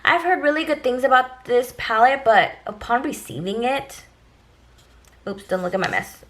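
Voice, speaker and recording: A woman's voice: a little high, normal speed, a bit bright. A woman talking casually and directly to viewers as a beauty vlogger, giving an informal shopping haul review.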